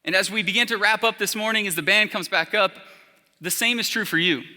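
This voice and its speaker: A man's voice: high-pitched, a little fast, sharp tone. A young man preaching a sermon as a college pastor, telling stories casually with lots of "like" fillers. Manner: casual storytelling, many fillers. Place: church auditorium. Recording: reverberant church hall.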